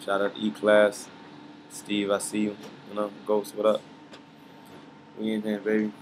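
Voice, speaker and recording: A man's voice: on the low side, completely flat delivery, a little slow, a little hiss or hum, rough recording. A man giving a casual, slangy vlog update from a hotel balcony, talking to a handheld camera. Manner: laid-back slangy talk, frequent "you feel me". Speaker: musician vlogging from a trip.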